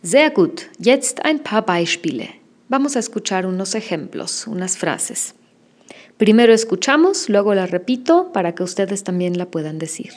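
Slow, patient woman teaching German words. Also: mid-range voice, very animated, a little mellow. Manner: patient, clearly enunciating drill prompts. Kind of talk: slow language lesson with repetition drills.

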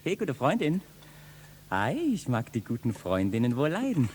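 Male actor as young kitchen boy, cheeky and loud, animated voice, 1960s radio drama. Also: medium pitch, moderate pace, slight background noise, close to an everyday voice. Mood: teasing. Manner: lively, mocking, bursts into loud shouting. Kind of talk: classic stage verse, 1960s radio play.

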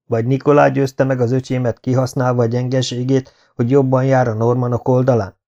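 A scheming, bitter Saxon lord, as a male narrator puts him on, sneering and defiant. The voice is dark and gravelly in timbre. The recording is a little dull. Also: medium pitch, little pitch movement, natural voice.

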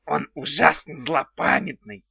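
Guy doing a weird slow little house spirit, gleeful and creepy, gravelly, kinda dull lo-fi sound. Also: a little high, no echo, exaggerated voice. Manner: slow, odd, talks of himself in third person. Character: impish male house spirit, gleefully perverse. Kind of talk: audiobook character voice.

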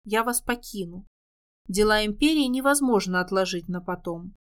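A woman's voice: mid-range voice, expressive, normal speed, lightly acted. A woman voicing a polite, dutiful young male werewolf in an audiobook. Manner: formal, polite.

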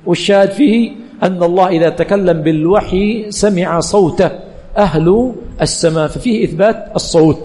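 A man's voice: sits high, a little fast, warm tone, in a large hall. A male religious teacher giving a classroom lecture, quizzing the students with questions that he answers himself and repeating key phrases.

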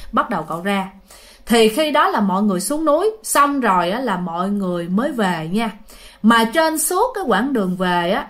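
A woman's voice: a little high, a bit bright. A woman narrating a ghost story in a chatty way, often addressing her listeners directly.

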